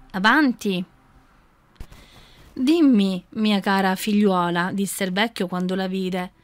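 Conduttrice radiofonica che racconta una storia. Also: female voice, medium pitch. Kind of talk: storytelling narration.

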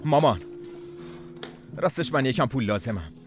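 A man voicing a young son who gently asks his mother for money in a dubbed drama. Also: medium pitch, expressive, music in the background, close to an everyday voice. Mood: sheepish. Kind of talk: Persian drama dubbing.

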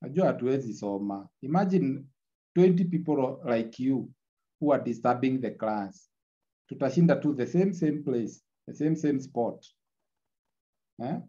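A man's voice: medium pitch, lively intonation, unhurried, warm tone, dull audio. A man teaching an online class, heard through a screen recording of the video call, repeating his points and checking in with "eh?". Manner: repetitive, checks in with tag "eh?". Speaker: lecturer.

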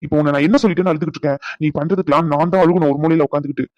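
A man's voice: fairly high pitch, steady tone, rapid-fire, no room sound, dull audio, close to an everyday voice. A man voicing a stressed young husband in a cartoon, scolding his wife in long rants. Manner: scolding rants, softening into comfort. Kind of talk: cartoon voice acting.

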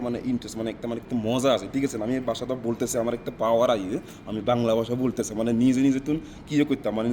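A man's voice: mid-range voice, a little mellow, a little hiss or hum. A man from South Africa answering interview questions in Bengali with a non-native Noakhali dialect accent, rambling and often asking "right?".

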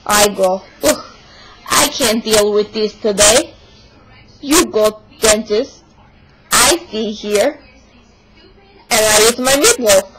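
This comic monologue features a young woman lightly acting as a stubborn young Russian woman, with a put-on accent and broken English missing its articles. She speaks slowly in a mid-range voice with long pauses, her indignant complaining exaggerated, on a noisy home video recording.

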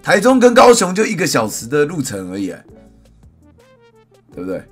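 A man, a live streamer chatting and ranting loudly and mixing in English phrases. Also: fairly high pitch, wildly swooping pitch, moderate pace, husky, faint music behind. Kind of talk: casual livestream chat.

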